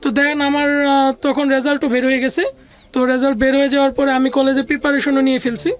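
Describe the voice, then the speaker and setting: A woman whose first language is Bengali speaks quickly in a high voice with little pitch movement. She has a Bangladeshi accent and, as an interview guest, recounts her life story conversationally, mixing in English words.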